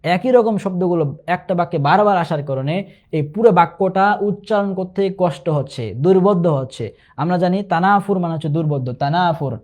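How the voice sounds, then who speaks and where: A man's voice: sits high, a little mellow. Man teaching, repeating terms. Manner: explains patiently, repeats key terms and asks rhetorical questions; slows to recite Arabic examples. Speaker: instructor. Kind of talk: online exam-prep lesson.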